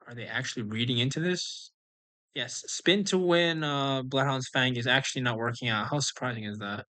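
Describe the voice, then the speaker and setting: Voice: mid-range voice, moderate pace, a bit bright. A game streamer giving casual live walkthrough commentary, instructing and talking through each move as it happens.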